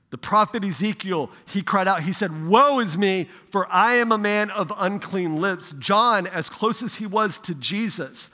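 A male pastor giving a conversational sermon who swells louder for emphasis and often checks in with "right?". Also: fairly high pitch, in a large hall. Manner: conversational preaching, rising loud for emphasis, frequent "right?".

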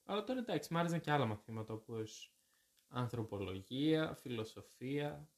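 Chatty young Greek man telling stories. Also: mid-range voice. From Greece. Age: young adult. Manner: chatty, animated storytelling with self-corrections. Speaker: guest. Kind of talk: casual chat.

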